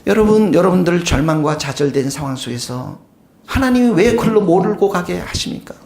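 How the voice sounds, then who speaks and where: A pastor giving a sermon who keeps asking the congregation questions, swinging between loud bursts and sudden hushed, breathy emphasis. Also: medium pitch, lively intonation, fairly quick. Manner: asks the congregation rhetorical questions.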